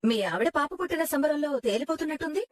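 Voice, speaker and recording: A woman's voice: high voice, racing, slight background noise, natural voice. A woman playing a calculating schemer who speaks in cool, menacing tones in a TV serial. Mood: scheming. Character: scheming woman plotting with a minister. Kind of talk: Telugu TV serial acting.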